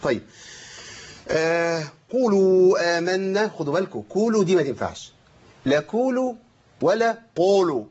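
A man with an Egyptian Arabic accent teaching Quran recitation rules. He chants verses slowly to demonstrate them and quizzes his students as he goes. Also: high-pitched, expressive, a little mellow. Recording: dull lo-fi recording.

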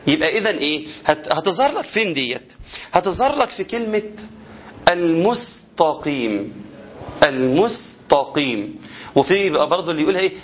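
A man's voice: sits high, very animated, rapid-fire, lo-fi sound. A man with an Egyptian Arabic accent teaching Quran recitation, who keeps asking rhetorical questions and demonstrating how letters should sound. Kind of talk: spoken lesson on tajweed.

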